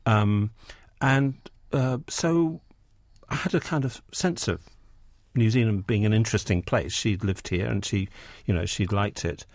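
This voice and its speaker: A man in his sixties from England, with an English accent and a lowish voice, talks at a measured pace in clean studio sound without room noise. A poet and editor, he's the guest in a relaxed radio interview about books and poetry, full of ums and restarts.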